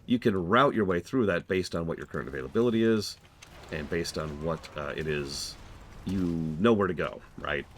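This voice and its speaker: Deep voiced guy doing rambly casual game stream commentary, explains stuff, faint noise behind. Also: expressive, normal speed.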